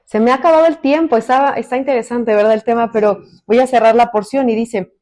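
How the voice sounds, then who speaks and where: Predicadora mexicana de voz suave y cálida. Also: female voice, a little high, fast. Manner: expressive, swings from loud emphasis to soft asides. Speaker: minister preaching. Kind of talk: sermon.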